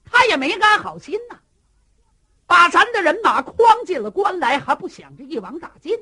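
A woman's voice: on the high side, sing-song, normal speed, husky, heavily acted. Woman voicing an angry young warrior. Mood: indignant. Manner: indignant, sharp retorts. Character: young male warrior, proud and quick-tempered.

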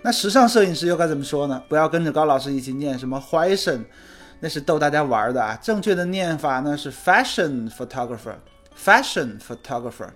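A chatty man with a slightly high voice hosts a photography podcast as a relaxed spoken lesson. He teases his listeners and slows right down to drill each English word. Faint music plays underneath him. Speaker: podcast host and photography teacher.

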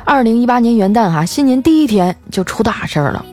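A woman's voice: on the high side, lively intonation, fast, warm tone, soft background music. A woman host telling a comic story in a wry, chatty, colloquial way.

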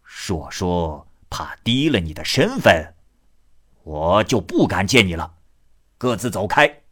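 A man voicing a loud, gruff, swaggering drunken moneylender in a storytelling reading. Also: deep voice, very animated, slow pace, full character voice. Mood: indignant. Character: drunken brawling male street moneylender, boastful.

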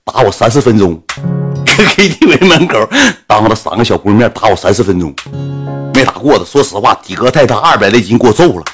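Fast-talking storyteller man. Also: fairly low pitch, soft background music. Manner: animated, acts out the quoted dialogue. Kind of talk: casual anecdote telling.

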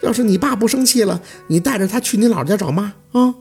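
A shrill weeping village wife. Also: male voice, expressive, fast, creaky, soft background music. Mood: pleading. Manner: high wailing sobbing voice.

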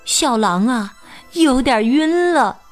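A woman teacher reading a children's picture book aloud, expressive and sing-song with plenty of exclamations. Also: high-pitched, takes it slowly, soft background music. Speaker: storyteller teacher.

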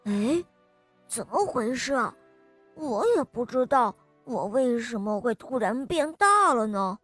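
Woman doing a shy little storybook lion, soft and high, slow, dry close sound. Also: no room sound, faint music behind. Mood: gentle. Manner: gentle and hesitant, loud when defending friends. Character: small timid lion cub who grows brave. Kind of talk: storybook character voice.

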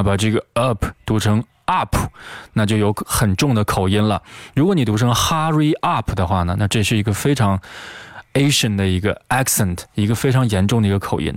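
A Chinese-speaking man teaching English phrases, who patiently repeats each one slowly to show how it sounds. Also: on the low side, no echo, clean studio sound.

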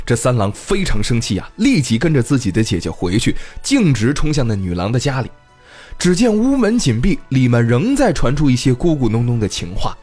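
A man's voice: mid-range voice, a little mellow, slightly rough. A man hosting a casual storytelling podcast, retelling a tale in a chatty way and speaking directly to listeners. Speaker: podcast host.

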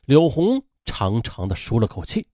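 A man narrating a true-crime story dramatically, in a colloquial manner with drawn-out particles. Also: dry recording, studio quality. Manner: animated, acts out women's lines in a high strained voice.

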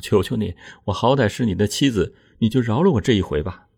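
A man's voice: fairly low pitch, lively intonation, fairly quick, vocal fry, a little mellow, breathy edge, heavily acted. A man voicing a frightened young village wife who pleads through tears. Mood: tearful pleading. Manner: tearful, pleading.

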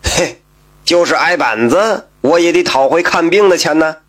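A man's voice: fairly high pitch, expressive, normal speed, a bit bright. Man doing a whining village scoundrel. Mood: brazen.

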